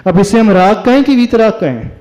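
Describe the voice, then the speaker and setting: A man, a Jain monk, delivering a devotional sermon, asking his listeners questions and chanting verses slowly. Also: sits high, expressive, darkish tone. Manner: slow, asks the audience questions. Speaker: Jain monk giving a discourse. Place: hall with listeners. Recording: reverberant hall, dull lo-fi sound.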